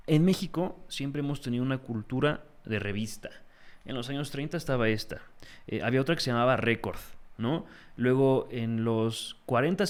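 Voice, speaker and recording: A young man with a Mexican accent, a guest in a casual interview, telling stories in an animated, slangy way. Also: medium pitch, clear, resonant tone. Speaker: guest, magazine founder.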